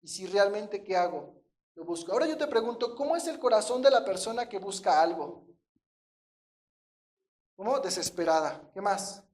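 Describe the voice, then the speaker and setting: A man's voice: high-pitched, expressive, moderate pace, pauses often, a little mellow. A man preaching a sermon, questioning the congregation and answering himself in a conversational teaching tone. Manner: asks the congregation questions and answers them, often adding a checking "¿verdad?"; illustrates with everyday examples in a conversational teaching tone.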